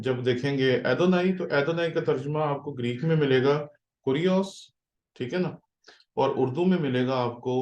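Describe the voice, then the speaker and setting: A man's voice: mid-range voice, a little mellow, reverberant, muffled recording. A man teaching a Hebrew reading class as a pastor, explaining patiently step by step and checking often that students follow. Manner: patient, explaining step by step with frequent "theek hai". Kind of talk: online class lesson.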